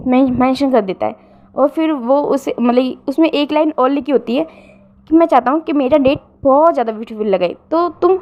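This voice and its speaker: High-voiced woman casually retelling a story. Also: dull audio. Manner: frequent fillers and self-corrections.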